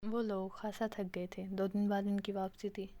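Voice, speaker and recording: A woman narrates an audio novel in a steady, plain reading manner. Her pitch sits in a middle register and hardly varies. The delivery is even from line to line. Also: moderate pace.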